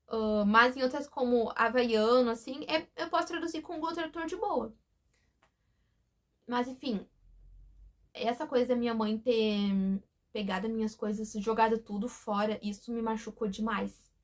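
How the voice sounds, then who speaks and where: A woman speaking in a hesitant, emotional, confiding way in a confessional vlog, often breaking off and restarting. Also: a little high. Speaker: vlogger.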